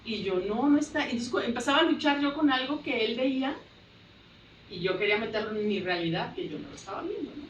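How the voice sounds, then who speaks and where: A woman's voice: fairly high pitch, expressive, fast, fairly bright tone, a little hiss or hum. Woman, middle-aged, testimony storytelling, echoey room, mic set back. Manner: storytelling that acts out the dialogue. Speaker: church member giving testimony. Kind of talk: personal faith testimony. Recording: roomy sound from a distant mic.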